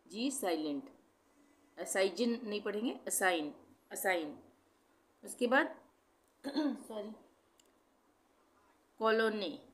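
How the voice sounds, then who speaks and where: A woman's voice: mid-range voice, fairly bright tone. Hindi-speaking woman teaching pronunciation. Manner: spells words letter by letter, repeats them slowly, corrects her own slips. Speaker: English teacher. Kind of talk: classroom-style lesson explaining pronunciation.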